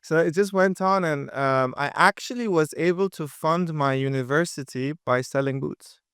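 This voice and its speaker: A lively young entrepreneur from Dubai chats casually as a podcast guest in a crisp, fairly high voice. He talks quickly and energetically, with plenty of fillers and restarts. The recording is clean studio sound with no echo.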